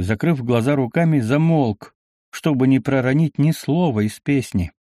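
A male narrator reads a historical novel in a steady, measured storytelling voice. His voice sits at a middle pitch, close to the mic in a dry, dead room. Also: dry recording. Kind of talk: audiobook narration.

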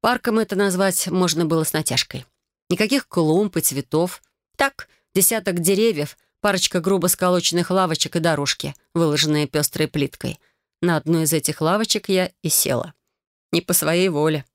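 An audiobook narrator reads a first-person fantasy novel in a steady, even storytelling style. Her voice is fairly low and her pace moderate. The recording is dry and studio quality.

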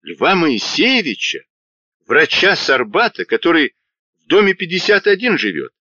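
A man's voice: a little high, sing-song, moderate pace, sharp tone, no echo, dull audio, voice pushed up, heavily acted. A man voicing a shaken, horrified writer. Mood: alarmed.

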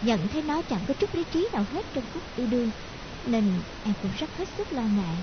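A woman's voice: fairly high pitch, big pitch swings, brisk, lo-fi sound, noisy background. A woman playing a fretful chatty young woman. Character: worried young woman confiding in a friend.

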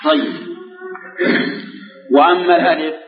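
An older man teaching grammar to a class, quizzing students and slowly repeating examples. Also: high-pitched, very animated. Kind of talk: classroom lesson with questions to students. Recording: echoey hall, dull lo-fi recording.

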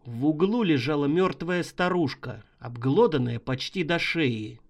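Guy reading a creepy audiobook, lively up and down voice, dramatic. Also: a little high, measured pace. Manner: expressive, vivid storytelling. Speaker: audiobook narrator. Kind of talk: dramatic horror story reading.

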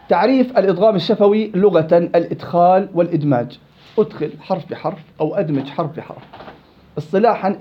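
A man teaching a Quran recitation class, quizzing his students by name in a lively way. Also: a little high. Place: indoor study circle. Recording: dull lo-fi recording.

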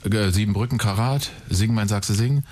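An older man, a singer and co-host, chatting casually on radio in a teasing, lively way. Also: on the low side, moderate pace, slight background noise. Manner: teasing, lively, laughs often. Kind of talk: casual radio chat with sung bits.

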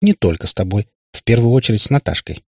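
A man with a husky voice reading an audiobook and voicing a gentle, good-natured schoolgirl who teases lightly. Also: fairly low pitch, expressive, quick pace, no room sound, clean studio sound.

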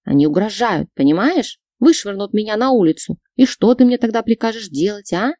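A woman's voice: medium pitch, lively intonation, fairly quick, warm tone, dry recording, close to an everyday voice. A woman voicing a nagging, manipulative middle-aged mother who scolds and reproaches her daughter. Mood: scolding.

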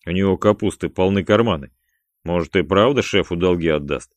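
Man playing a crude big henchman, blunt, grumbling, deep voice, dry close recording. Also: brisk, no echo, natural voice. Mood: gruff. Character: big, crude, greedy male thug henchman.

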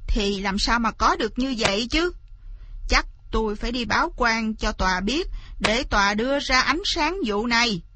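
A woman's voice: a little high, lively intonation, moderate pace, bright, forceful tone. A woman storyteller voicing a landlord's wife who accuses and sneers. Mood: accusing.

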